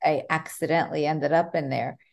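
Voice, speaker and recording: A woman's voice: sits low, fairly even intonation, fairly quick, gravelly. A woman hosting an interview podcast, eager and enthusiastic with her guest. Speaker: podcast host. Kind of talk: scripted intro, then interview chat.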